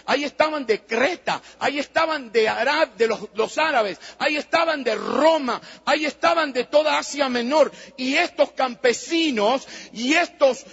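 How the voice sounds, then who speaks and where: A man's voice: extremely high pitch, gravelly, fairly bright tone. A male pastor preaching a fervent sermon in a church and calling on the congregation to repeat phrases after him. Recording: dull, reverberant church recording.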